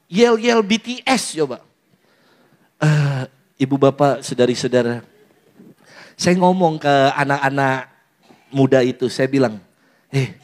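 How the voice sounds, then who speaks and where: High-voiced joking priest. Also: male voice. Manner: playful, teasing, mimics youth in falsetto. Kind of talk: lively sermon to a parish audience.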